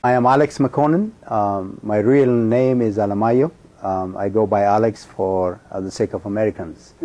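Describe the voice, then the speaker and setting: A middle-aged man from Ethiopia giving a sermon, speaking in a measured, emphatic way with frequent pauses and ums. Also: fairly low pitch, steady tone, dark tone. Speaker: pastor.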